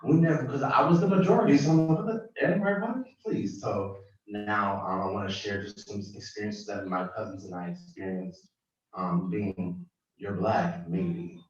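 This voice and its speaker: A man from Jamaica performing spoken word poetry at a live event, energetic and calling out to the audience for replies between pieces. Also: on the low side, normal speed, very echoey, far from the mic, muffled recording. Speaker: performing poet.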